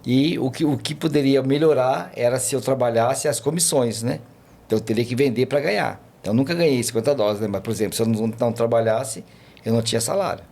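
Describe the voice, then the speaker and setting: A Brazilian man who works as a tour guide appears as a podcast guest, telling travel stories in a rambling, casual chat packed with fillers and restarts. His voice is medium-pitched and a little mellow, fast, with vocal fry.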